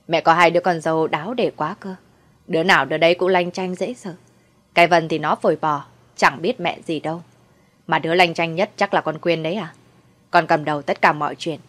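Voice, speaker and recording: A woman's voice: deep voice, fairly even intonation, a little fast. A woman voicing a scheming, cruel old mother-in-law in a storybook reading, coldly mocking. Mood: gloating. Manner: mocking, sweetly cold then shrieking.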